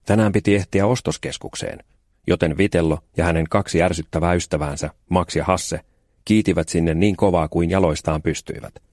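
Deep-voiced man narrating a storybook. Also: no echo, studio quality. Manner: calm, even storytelling with deadpan timing. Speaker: audiobook narrator. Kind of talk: scripted narration.

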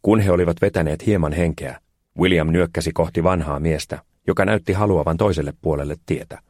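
A man narrating a children's storybook aloud in a plain, unhurried way. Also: low-pitched, a little mellow, no echo, studio quality.

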